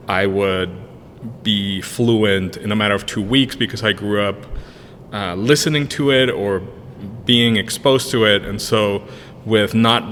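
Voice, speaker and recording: Fairly low-pitched and a bit bright, this man in his thirties is a podcast guest who co-owns a brewery. His first language is Spanish; he came to the US in 1999 from a Spanish-speaking country. Interview answers come out rambling, with many fillers and restarts, captured in a room with long reverb and slight noise.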